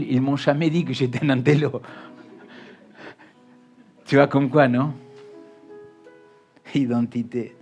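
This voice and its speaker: Argentine-accented preacher swinging loud to hushed. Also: male voice, mid-range voice, slightly rough. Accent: Argentine Spanish. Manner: dramatic, swings from loud emphasis to hushed confession. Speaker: pastor. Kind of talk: emotional storytelling sermon.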